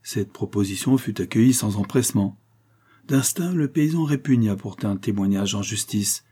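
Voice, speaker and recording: Husky, mellow male audiobook narrator. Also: on the low side, expressive, normal speed. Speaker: audiobook reader. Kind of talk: scripted narration.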